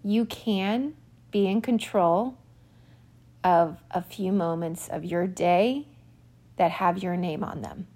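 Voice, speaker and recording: A woman in her forties hosting a podcast, telling a personal story in a quick, animated, self-mocking way, a little out of breath. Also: on the low side. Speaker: podcast host. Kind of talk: personal monologue.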